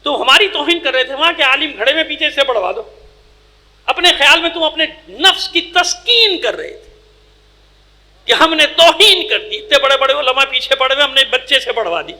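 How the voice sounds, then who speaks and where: A male cleric delivering a sermon at a mourning gathering, emphatic and scolding, firing rhetorical questions and swinging between loud outbursts and low asides. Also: animated. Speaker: Shia cleric giving a majlis. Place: imambargah during a mourning gathering.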